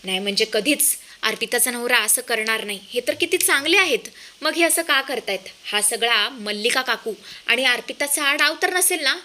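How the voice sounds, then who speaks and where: A sharp, fearless young daughter-in-law, as a woman narrator puts her on, defiant and confrontational. High and bright, with a cutting edge. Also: lively intonation, moderate pace. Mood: suspicious musing.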